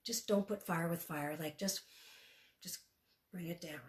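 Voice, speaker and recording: A woman's voice: fairly low pitch, measured pace. A woman speaking as a parenting expert, telling stories in an earnest, conversational way with many "you know" fillers. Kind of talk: storytelling talk. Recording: roomy echo.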